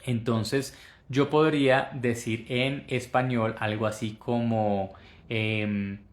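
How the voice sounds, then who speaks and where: A man from Colombia teaching English in Spanish, slowly modeling English phrases and repeating them for learners. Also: mid-range voice, steady tone, reverberant. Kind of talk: Spanish-language English lesson.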